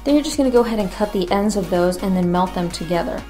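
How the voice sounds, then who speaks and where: Female craft tutorial host, mid-range pitch, informal and chatty instructional narration, music bed behind. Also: expressive, quick pace, warm tone. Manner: informal, conversational.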